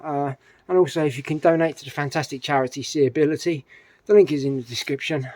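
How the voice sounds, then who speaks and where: A man's voice: fairly high pitch, steady tone, quick pace, a little mellow, dry recording. A middle-aged man with a British accent, a little out of breath after a run, chatting casually to camera and rambling with lots of fillers and restarts. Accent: British English. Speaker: running vlogger.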